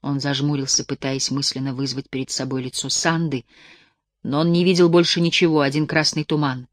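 Woman reading a dark tale, close and dry. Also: very deep voice, flat delivery, fairly quick, no echo. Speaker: audiobook reader. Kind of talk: audiobook reading of a mystic tale.

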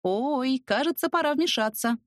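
A woman's voice: high voice, expressive, normal speed, no echo, studio quality, voice pushed up. A woman reading an audiobook, voicing a timid, flustered young heroine who stammers nervously. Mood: sheepish. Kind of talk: audiobook character voice.

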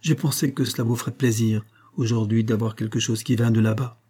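Man doing a shy young guy, respectful, hesitates, soft husky voice. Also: mid-range voice, fairly even intonation, fairly quick, lightly acted. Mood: hesitant. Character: timid, devoted young man.

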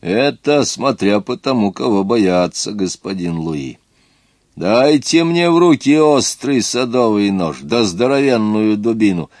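A man's voice: on the low side, darkish tone, dry recording, clean studio sound. A man reading the part of a stubborn, plain-spoken, superstitious peasant in an audiobook.

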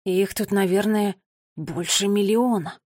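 A woman puts on a bookish young boy in a storybook, explaining earnestly in a lowered voice. The sound is close and dry. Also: unhurried, darkish tone, no room sound, close to an everyday voice.

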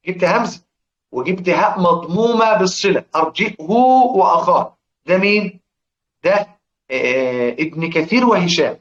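A man's voice: sits high, animated, normal speed, a bit bright. A man with an Egyptian accent teaching a lesson on Quran recitation rules. He quizzes his students, answers his own questions and chants lines of verse. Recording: echoey, dull lo-fi room recording.

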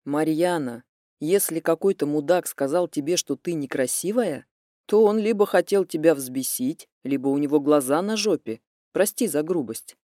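A woman voicing a calm, blunt young man who speaks in a level, understated way. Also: deep voice, normal speed, no room sound, studio quality, pitched below the performer's own voice, natural voice. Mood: calm teasing. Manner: level, even, understated delivery.

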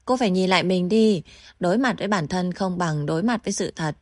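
Sly young woman who mocks her captive and then turns falsely gentle, as a woman reads her in a storybook narration. The voice is low and dry, recorded close. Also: a little fast, no room sound, natural voice. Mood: mocking. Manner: mocking, teasing, then falsely gentle and coaxing.

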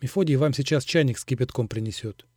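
A man reading the lines of a tired, gruff but caring middle-aged policeman. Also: mid-range voice, fast talker, a little mellow, no echo, studio quality, natural voice. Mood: weary. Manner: tired and plain.

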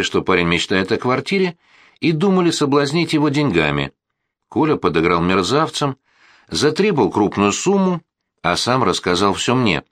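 Male reader as a balding husband, calm and explanatory, lowish voice. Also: no echo, clean studio sound.

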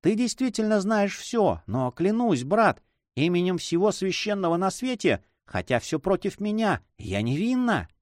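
Anxious young noblewoman, read by a man, high-pitched and pleading, emotional storybook sister. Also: big pitch swings, normal speed, no echo, studio quality. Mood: desperate.

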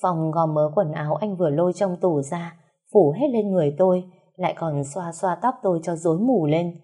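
A woman's voice: on the low side, normal speed, warm tone, slightly rough. A woman narrating a first-person story in an emotional, plaintive way.

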